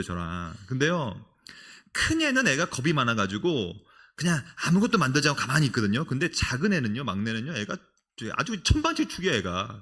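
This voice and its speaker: A middle-aged man giving a sermon-style lecture at a church couples' retreat. He talks to the audience directly and tells stories with sudden emphatic bursts. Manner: animated storytelling with sudden emphatic high bursts; engages the audience with direct address and questions.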